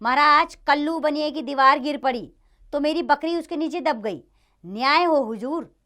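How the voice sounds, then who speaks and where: A woman's voice: sits high, normal speed, pushed and bright, pitched above the performer's own voice. A woman voicing a male villager who cries out pleading for justice in a children's play reading. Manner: pleading, crying out.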